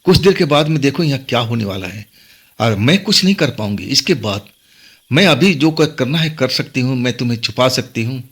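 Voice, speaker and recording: A man voicing a young female ghost girl who keeps pleading and warning, in a husky voice lifted higher than his own. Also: lively intonation, a little fast, a bit bright. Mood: urgent pleading.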